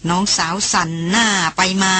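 A woman reading a novel aloud as an audiobook narrator, in slow, hushed narration. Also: dry recording. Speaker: audiobook reader.

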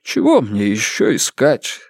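A big, soft-hearted foreign pastor, slow and wistful, quick to bluster, as a man plays him. His tone is a little raised and lively in its melody. The sound is close and dry. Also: lowish voice, no room sound, full character voice. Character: big foreign male pastor, sentimental and hot-tempered.

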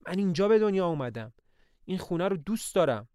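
A man's voice: sits high, big pitch swings, dark tone, clean tone, no echo, clean studio sound, voice pushed up. A man reading aloud voices an anxious aristocratic older woman who owns the estate, speaking in a plaintive, sighing way. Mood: pleading.

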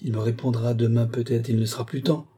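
A man's voice: mid-range voice, fairly even intonation, quick pace, warm tone, breathy edge, natural voice. A man reading an audiobook voices a curt, restrained young woman seeking help. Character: quiet determined young woman petitioner.

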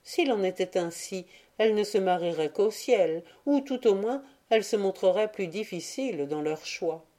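A woman reading the part of a shrewd, self-assured young wife who teases gently but firmly, in an audiobook. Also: medium pitch, animated, moderate pace, few pauses, natural voice. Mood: teasing. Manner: gently teasing, firm.

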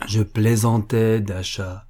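A man's voice: on the low side, flat delivery, takes it slowly, warm tone. A man reading a cheerful young student. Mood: cheerful, pleading.

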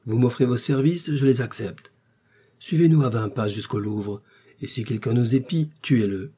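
A man's voice: mid-range voice, normal speed, dark tone, breathy edge, natural voice. A man reading the part of a proud nobleman in an audiobook of a classic novel, speaking in a composed and lordly way. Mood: commanding. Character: proud noble duke, calm and commanding.

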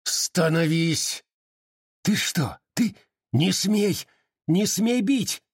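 A man voicing an enraged male army officer, shouting insults in an audiobook reading. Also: medium pitch, animated, measured pace, slightly rough, no room sound, studio quality, voice pushed up. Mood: defiant. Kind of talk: audiobook character voice.

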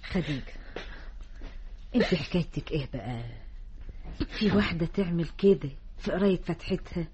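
A woman's voice: lowish voice, expressive, normal speed, long pauses, darkish tone, natural voice. An actress plays a wealthy Egyptian village matron in a radio play, generous but firm with the girl. The recording is dull, with a faint hiss. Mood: firm kindly. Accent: Egyptian Arabic.

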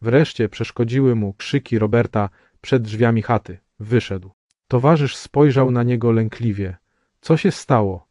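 A man reading a novel aloud in a measured, solemn narration. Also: mid-range voice, mellow, dry recording, clean studio sound. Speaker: audiobook narrator. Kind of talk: scripted narration.

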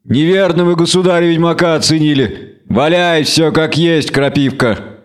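A man narrating an audiobook and voicing a gruff, surly village headman who grumbles curtly. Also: a little high, moderate pace, voice pushed up, natural voice. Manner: grumbling, curt.

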